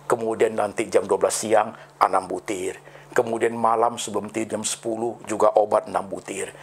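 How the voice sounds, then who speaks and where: A middle-aged man, a pastor, telling his life story in a sermon and addressing the listeners as brothers and sisters after nearly every phrase, slow and dramatic with sudden high lifts. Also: little pitch movement, creaky, slight background noise. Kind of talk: testimony sermon.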